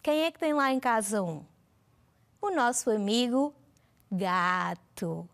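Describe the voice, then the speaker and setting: A woman teacher with a European Portuguese accent, talking high and bright with big swoops up and down. She speaks slowly and deliberately, stretching out syllables for small children in a lively, sing-song way. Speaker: primary school teacher. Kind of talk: televised lesson for young children.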